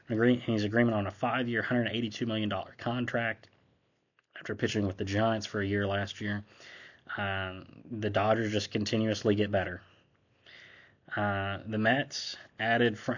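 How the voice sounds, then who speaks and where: On his own channel, the host, a young man who's a bit congested, runs through a list with offhand sports commentary in a conversational tone. The lo-fi recording carries a voice on the low side.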